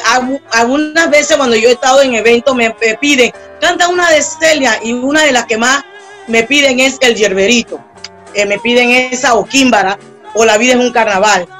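A salsa singer with a Peruvian accent from Lima and a strong, powerful voice, chatting freely in an interview with many restarts. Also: female voice, on the high side, a bit bright. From Peru. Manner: chatty, with frequent restarts and fillers. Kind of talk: casual interview chat.

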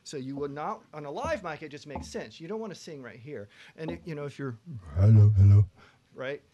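A man teaching a vocal production workshop to a live class, animated, asking the room questions and acting out singers. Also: a little high, a little fast, muffled recording, a crowd in the background. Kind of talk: lively workshop lecture. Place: classroom before a live audience.

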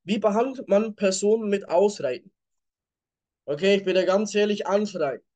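Brief: male sales coach, high voice, blunt and direct, live Q&A over a call mic. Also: moderate pace, mellow. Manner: blunt, reads questions from chat, repeats catchphrases.

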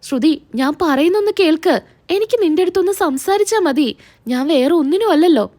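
Woman reading a scheming young man, pushy and resentful, coaxing then threatening, high light voice, serial recap. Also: expressive, brisk, dark tone.

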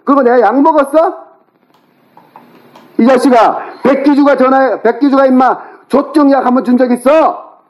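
A middle-aged man on a phone call, angrily yelling, cursing and berating the other person. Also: extremely high pitch, normal speed, long pauses. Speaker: older brother on a phone call. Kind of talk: heated phone argument. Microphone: phone call recording.

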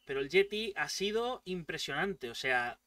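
A man with a Spain Spanish accent doing let's play commentary, excitable, swearing and yelling at the game. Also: on the high side, moderate pace, recorded from a distance. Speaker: gaming YouTuber.

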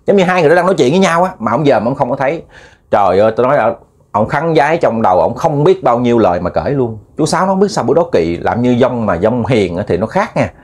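A man's voice: medium pitch, sing-song, fast talker, a little mellow. A man with a Southern Vietnamese accent telling a ghost story in a chatty, repetitive way, addressing listeners as family. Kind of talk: casual spoken storytelling.

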